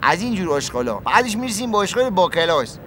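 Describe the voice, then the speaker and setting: A man's voice: high voice, very animated, fairly bright tone, a little hiss or hum. An actor playing a cheeky male junk-peddling taxi passenger who rambles on boastfully in a comic sketch. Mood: rambling. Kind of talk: comic puppet-show acting.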